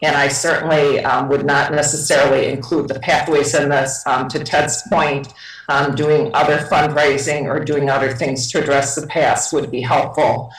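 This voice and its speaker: A woman trustee candidate answering carefully at a forum, pausing often with ums. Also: deep voice, little pitch movement. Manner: careful, hesitant with many ums. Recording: echoey hall, mic from far off.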